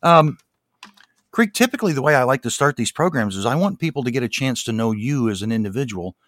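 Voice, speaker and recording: Lively male podcast host, dry recording. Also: medium pitch, fairly quick, no echo. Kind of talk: scripted podcast intro and interviewing.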